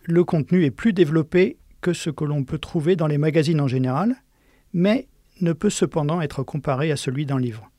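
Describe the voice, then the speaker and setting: A man presents a type of periodical in a measured, explanatory scripted delivery. His voice sits fairly high for a man. The sound is dry and close. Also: mellow, no room sound.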